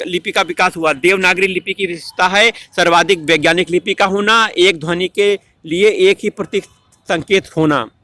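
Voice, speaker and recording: A man's voice: high voice, sharp tone, no room sound. A man teaching an exam-prep lesson in a question-and-answer style, repeating answers and correcting himself mid-word.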